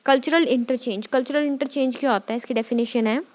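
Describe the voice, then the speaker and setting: A woman's voice: high-pitched, fast talker, darkish tone. A young woman teacher giving an exam-prep lecture in mixed Hindi and English. She dictates definitions word by word, repeats them, and checks in with "theek hai".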